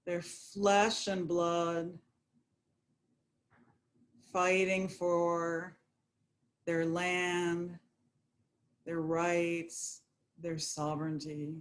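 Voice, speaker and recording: A woman guiding a yoga nidra meditation, speaking in a slow, soothing, prayerful way. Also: lowish voice, level tone. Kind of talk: guided meditation.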